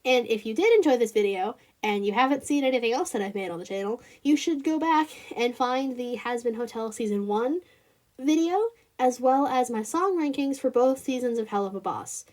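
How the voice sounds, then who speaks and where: A woman's voice: fairly high pitch, animated, moderate pace, darkish tone. Rambling Southern US woman vlogger. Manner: rambling, lots of fillers and restarts; chatty, addresses viewers directly. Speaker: channel host. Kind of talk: casual review vlog.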